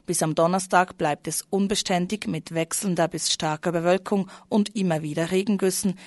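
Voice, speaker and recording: A woman reading news headlines and the weather in an even, matter-of-fact way. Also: on the low side, dry recording. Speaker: newsreader.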